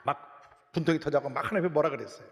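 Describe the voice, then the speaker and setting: A male pastor preaching a sermon, telling a story animatedly, jumping between loud outbursts and hushed asides. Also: fairly high pitch, quick pace, vocal fry, in a large hall, slight background noise.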